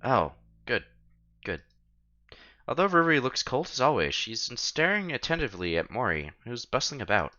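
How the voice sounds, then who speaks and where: This streamer, a man, voices a visual novel's narration and slips in relaxed side comments. At medium pitch and a moderate pace, his bright, forceful voice takes on a sing-song, playful quality. Music plays behind him, and the sound is a bit dull and lo-fi.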